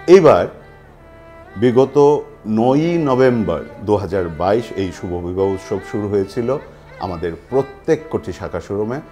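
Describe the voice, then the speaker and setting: Guy with a lowish voice announcing a lucky draw, pausing a lot as he goes, music behind him. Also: animated, warm tone. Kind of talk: event announcing, semi-scripted presentation.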